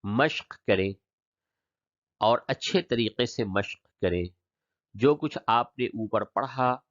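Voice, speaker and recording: A man teaching a Quran reading lesson, explaining quickly, then spelling out and chanting words slowly. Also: mid-range voice, highs cut off.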